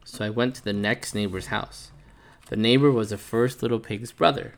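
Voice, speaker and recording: A man reading a picture book aloud to his child, telling it playfully in a wolf narrator's voice and pausing to chat with the child. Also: on the low side, fairly even intonation. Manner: playful storyteller voicing the wolf narrator, chatting with his child between pages.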